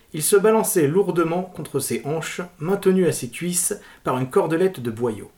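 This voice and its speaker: A man reading literary prose aloud as a narrator. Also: on the high side. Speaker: co-host reading a novel excerpt.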